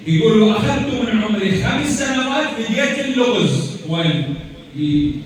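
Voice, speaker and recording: A man with an Iraqi accent preaches a mourning sermon, putting questions to his listeners and answering them himself. His voice sits high, and it is picked up from a distance. A long echo fills the large hall behind him. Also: lively intonation, normal speed, a little hiss or hum. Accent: Iraqi Arabic. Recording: echoey hall, distant mic.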